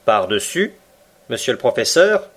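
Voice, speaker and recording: A man reading the lines of a calm, ironic submarine captain in a French audiobook, slow and measured. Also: mid-range voice. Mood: cool, ironic. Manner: cool, measured, slow and deliberate.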